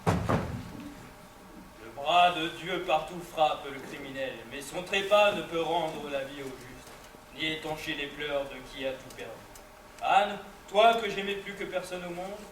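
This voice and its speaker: Fervent avenging lover, high forceful voice, oratorical verse melodrama, roomy sound. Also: male voice, exaggerated voice. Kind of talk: theatrical verse declamation. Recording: roomy, distant, faint noise.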